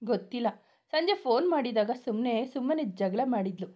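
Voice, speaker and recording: A woman voicing a young elder brother who teases his sisters and turns quiet when hurt. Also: on the high side, lively intonation, moderate pace, highs cut off. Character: loving, teasing young man, an elder brother.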